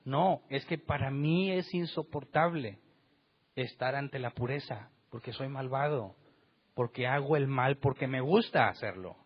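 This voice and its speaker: A husky-voiced man delivering a church sermon, pressing his points with rhetorical questions and acting out the voices in the passages he reads. The recording is dull and lo-fi. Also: medium pitch, unhurried. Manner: emphatic, rhetorical questions, acts out quotes. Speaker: pastor. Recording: dull lo-fi sound.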